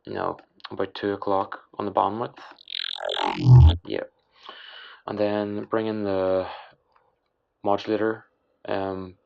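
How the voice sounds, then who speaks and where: A man giving a casual, unscripted software tutorial in a tired, hoarse voice with a breathy rasp, halting and mumbling as he goes. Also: on the low side, monotone, over music. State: hoarse, worn-out late-night voice. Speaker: music production tutorial host. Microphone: voice-over on screen recording. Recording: dull, lo-fi voice-over.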